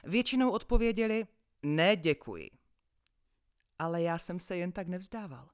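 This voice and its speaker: A woman narrating a children's story in the first person, playful and expressive, sometimes dropping to a dramatic hush. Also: medium pitch, clear, resonant tone, no echo, studio quality.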